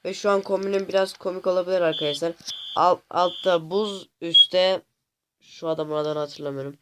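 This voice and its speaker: A man hosting a gaming channel, commenting casually on his gameplay to viewers, often exasperated and complaining out loud at the game. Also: sits high, steady tone, normal speed, heavy background noise. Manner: talks to viewers directly.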